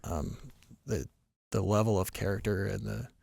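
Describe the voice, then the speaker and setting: A man's voice: lowish voice, fairly even intonation, normal speed, vocal fry, darkish tone, no echo. A middle-aged man hosting a podcast interview, talking in an earnest, reflective way and often checking for agreement. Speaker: mayor and podcast host. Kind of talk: casual interview conversation. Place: podcast studio.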